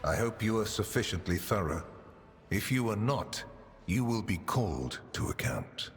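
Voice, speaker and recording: Cold, pious, accusing game inquisitor: insinuating, widely varied intonation, long reverb on the voice. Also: male voice, fairly low pitch, big pitch swings, moderate pace. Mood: grave, accusing. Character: cold, pious, accusing Lord Inquisitor, suave male interrogator. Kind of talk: video game voice acting. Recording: long reverb, music behind.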